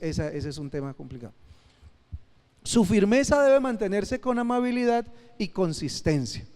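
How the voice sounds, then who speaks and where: High-voiced male pastor in an echoey hall. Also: darkish tone, smooth. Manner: emphatic, repeats key phrases, addresses listeners directly. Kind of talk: teaching sermon at a church conference.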